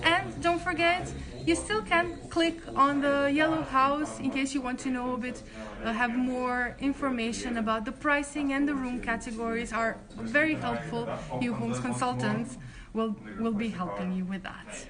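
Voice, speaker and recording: High-voiced woman. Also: steady tone, moderate pace. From Croatia. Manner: friendly, chatty, many restarts. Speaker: accommodation staff hosting a live stream. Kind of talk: live-stream Q&A, reading chat questions. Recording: crowd chatter behind.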